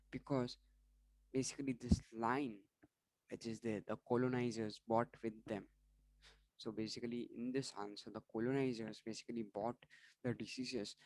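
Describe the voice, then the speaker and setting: A man's voice: medium pitch, a little mellow, no echo, low-quality recording. A man going through exam questions and answers for students in an online revision lesson, often restarting words and apologizing for slips. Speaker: online tutor.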